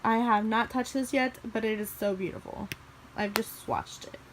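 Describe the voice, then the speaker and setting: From her bedroom, a young beauty vlogger from Missouri in the Midwest chats about her makeup collection at a moderate pace. Her voice is on the high side with fairly even intonation and a slight allergy scratchiness. She rambles along casually with small restarts.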